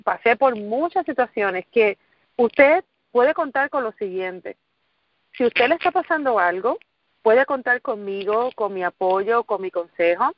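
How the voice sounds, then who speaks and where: Here a middle-aged woman from Puerto Rico, her accent clearly Puerto Rican Spanish, repeats key phrases as she earnestly motivates her listeners. Her voice sits in the mid range, and the conference-line recording is dull with no echo.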